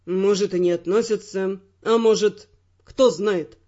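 A woman's voice: mid-range voice, steady tone, a little slow, warm tone, highs cut off, voice pushed down, lightly acted. Woman voicing a persistent young male spy. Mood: reasoning. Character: young male secret agent, wry and persistent.

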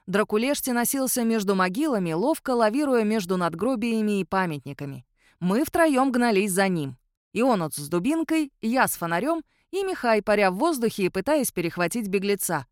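A woman reads an audiobook story aloud with lively, animated swings in her voice. Her pitch sits in a middle range. The recording is close and dry, with no room sound. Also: moderate pace, no room sound. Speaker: narrator.

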